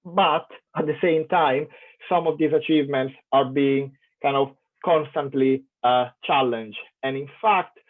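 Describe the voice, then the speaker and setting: An academic keynote comes from an Italian man with an Italian accent, speaking at a measured pace in a medium-pitched voice. He is thoughtful, with many fillers and restarts along the way. The online conference call gives the audio a tinny, phone-like sound.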